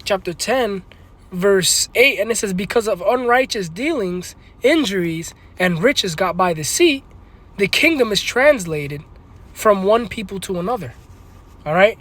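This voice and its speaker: A man giving a casual scripture read-through, emphatic and full of "all right?" and "man", reading the verses slowly and forcefully. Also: high-pitched. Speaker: bible teacher.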